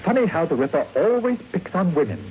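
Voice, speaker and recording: An actor playing a grumbling, blunt older pensioner in an old radio thriller. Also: male voice, sits high, very animated, fast talker, a little hiss or hum. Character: grumbling older male pensioner, doubtful husband. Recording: muffled vintage radio recording with music.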